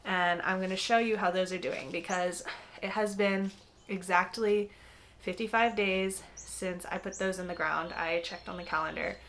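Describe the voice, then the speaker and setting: This woman's voice is lowish and steady, moving at a normal speed with a fairly bright tone over slight background noise. She's a young gardening vlogger with a cold-congested voice, explaining things conversationally and chattily with frequent "um"s and "like"s. Some parts are recorded in a garden, the rest indoors.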